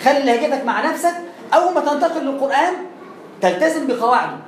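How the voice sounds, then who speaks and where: Speaking fast and expressively in a very high-pitched voice, a man with an Egyptian Arabic accent teaches Quran recitation. The explanatory lesson is chatty, full of repeated words and sounded-out letters, with a roomy echo and faint noise behind it.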